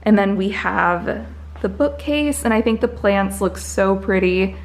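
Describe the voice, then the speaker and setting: A woman's voice: mid-range voice, unhurried, rough recording. A woman vlogger chatting casually to her viewers in an informal, upbeat and enthusiastic way.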